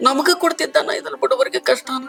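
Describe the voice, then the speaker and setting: A man's voice: very high-pitched, fairly even intonation, a little fast, vocal fry, pushed and bright, faint music behind, full character voice. A man with a North Karnataka Kannada accent plays a caring older brother who works as a poor laborer. He speaks in an earnest, pleading way, asking the same questions again and again. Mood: anxious. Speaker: actor in a short film. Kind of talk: village family drama acting.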